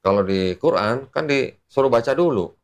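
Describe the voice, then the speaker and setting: A man's voice: mid-range voice, lively intonation, normal speed. A man patiently explaining religious history in a casual chat, using everyday examples. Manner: patient, uses everyday examples, laughs often. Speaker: Islamic teacher explaining to a guest.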